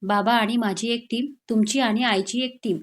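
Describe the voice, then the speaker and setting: Brief: woman reading a mischievous young heroine in a romance storybook, teasing and bright-voiced. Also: on the high side, steady tone, moderate pace, lightly acted. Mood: playful. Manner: teasing, playful. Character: playful young woman, cheeky employee.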